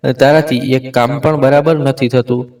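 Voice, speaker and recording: A harsh, domineering young husband who barks orders and shouts in anger, as a male storyteller reads him. The voice sits at an ordinary middle pitch and sounds a little distant from the mic. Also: steady tone, normal speed, lightly acted. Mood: angry.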